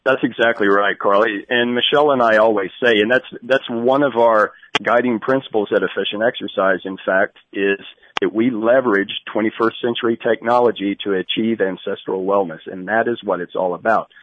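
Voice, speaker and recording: A man's voice: on the low side, fairly even intonation, fairly quick. A man being interviewed over a fuzzy, distorted cell phone line. He explains his points in an agreeable way, with a few restarts. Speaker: interview guest.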